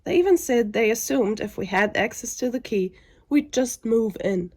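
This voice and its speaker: A woman's voice: a little high, moderate pace, a little mellow. A woman sounding under the weather and weary, narrating a scripted vlog with frustration.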